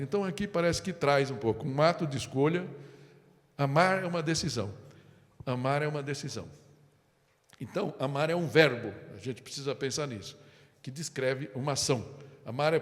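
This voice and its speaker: A man's voice: a little high, a little fast. A man preaching a sermon with a Brazilian Portuguese accent, telling stories with acted-out quotes and often turning to the congregation with "amém?". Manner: animated storytelling with acted quotes and asides. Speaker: pastor. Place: church hall. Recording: long hall reverb.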